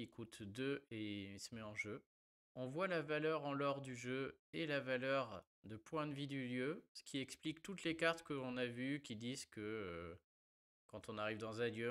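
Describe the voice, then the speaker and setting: Medium in pitch, fairly bright and clean, this man's voice carries easy, filler-heavy talk about card decks and a giveaway. He's a card game content creator offering casual gameplay commentary.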